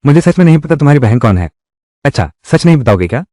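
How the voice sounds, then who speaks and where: A man narrating a dubbed drama recap, speaking every part in the same voice. His pitch sits mid-range but moves up and down. The sound is dry and close, with no echo. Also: big pitch swings, quick pace, dark tone. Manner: reads every part in one voice. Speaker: dubbing narrator. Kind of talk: Hindi drama recap dubbing.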